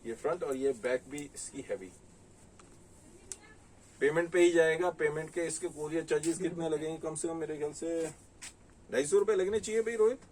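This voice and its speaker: A man's voice: on the high side, normal speed, long pauses, a little mellow, recorded from a distance, slight background noise, low-quality recording. Chatty shopkeeper man, Delhi Hindi. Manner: chatty, reads out prices and sizes. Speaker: saree shop owner selling online. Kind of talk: casual sales talk showing garments. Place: shop in Delhi.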